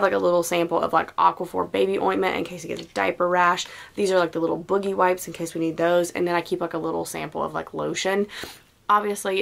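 A woman's voice: fairly low pitch, creaky. A young woman giving casual, chatty practical tips as a mom vlogger, with many "like" fillers. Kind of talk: casual how-to vlog.

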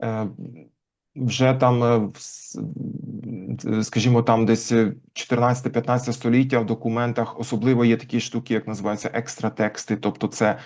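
A man as an interview guest, explaining language history thoughtfully with frequent pauses. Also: mid-range voice, flat delivery, a little mellow. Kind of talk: conversational interview. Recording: dull lo-fi recording.

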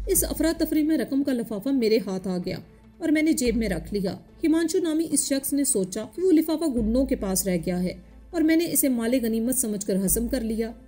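A woman narrates a story in a steady, even reading. Her voice is high and mellow, and faint music plays underneath.

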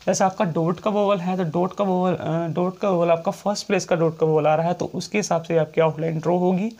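A man teaching shorthand in a classroom-style lecture, repeating each point and checking in often, and reading English rule text out slowly. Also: sits high, steady tone, darkish tone.

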